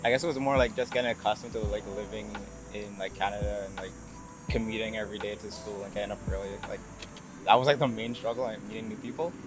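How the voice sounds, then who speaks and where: A young adult man from Barbados, appearing as a student interview guest, chats casually and loosely, hedging a lot and peppering his speech with "like." His fairly low voice is fairly even in intonation, he talks fast, and there's noise in the background.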